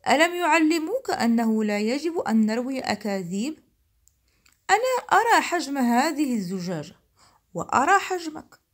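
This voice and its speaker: A woman's voice: sits high, very animated, moderate pace. Sly, mocking fisherman from a storybook, read by a woman in her own voice. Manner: sarcastic, teasing. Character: mocking clever male fisherman.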